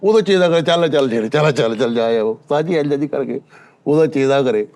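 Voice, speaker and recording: A talk show panellist with a Pakistani Punjabi accent tells stories casually, sounding insistent and boastful. His medium-pitched, darkish voice moves briskly.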